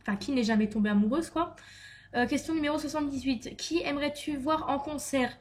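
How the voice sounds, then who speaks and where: A woman's voice: high-pitched, a little fast, a little mellow. A young woman from France chatting through a vlog question list, with many fillers and restarts. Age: young adult. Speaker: beauty vlogger. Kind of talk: casual Q&A tag vlog.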